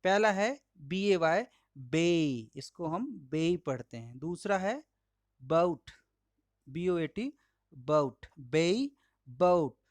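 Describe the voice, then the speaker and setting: A male pronunciation teacher with an Indian English accent and Hindi as his first language, slowly and patiently modeling each word aloud while explaining slides. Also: fairly high pitch, lively intonation, no room sound. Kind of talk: slide-based lesson.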